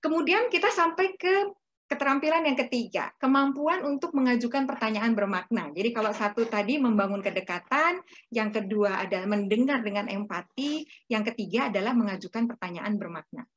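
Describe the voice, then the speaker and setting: High-voiced woman giving a patient parenting talk. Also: expressive, fairly quick. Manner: patient, explanatory, tags sentences with "ya". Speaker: parenting speaker. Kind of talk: lecture to parents. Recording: slightly dull lo-fi recording.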